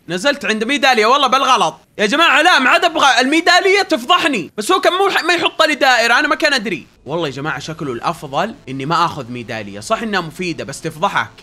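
A young man gives rapid-fire commentary on his own game, his voice sitting very high and bright. He swings from frantic pleading and yelling to low, muttered asides, with lively, jumping pitch. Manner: yelling and pleading in tense moments, muttering when calm. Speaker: gaming YouTuber. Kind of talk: excited gameplay commentary.

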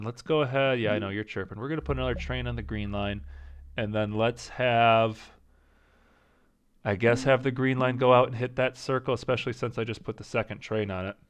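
A gaming channel host plays a strategy game with casual let's-play commentary, thinking aloud, talking to himself, and second-guessing his choices. His voice is on the low side with a slight rasp, and he coughs now and then.

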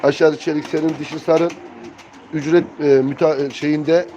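Hosting a live bird auction stream, a man greets viewers familiarly and shows off birds in casual, colloquial chat. His voice sits on the high side, steady and warm, at a normal pace. The recording is muffled and noisy, with pigeons and other birds cooing behind him.

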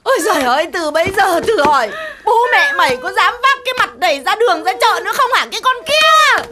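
An actress playing a loud, dramatic village mother in a comedy film, with a wailing, theatrical way of scolding. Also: very high-pitched, sing-song, quick pace, noisy background. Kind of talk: slapstick comedy film acting. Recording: film audio with loud music.

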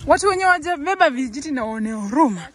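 A young woman with a Kenyan accent and a fairly high voice talks into a phone held at arm's length, mixing English and Swahili. She sounds chatty and casual, recorded outdoors on a mountain trail with wind rumbling across the mic. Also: lively intonation, fast talker, fairly bright tone, poor audio. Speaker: vlogger. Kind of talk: casual hiking vlog. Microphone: phone camera held at arm's length.

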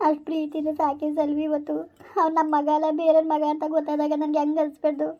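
A woman's voice: high voice, monotone, fast, warm tone, dull audio, natural voice. A woman, playing a grieving village mother who has lost her adopted son. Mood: despairing. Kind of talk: village family drama acting.

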